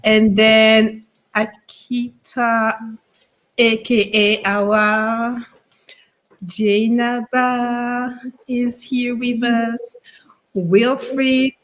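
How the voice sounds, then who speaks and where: A woman hosting a live online panel discussion, welcoming and chatty with frequent pauses, on a video call. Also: on the high side, level tone. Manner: welcoming, chatty, hesitant fillers. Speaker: host.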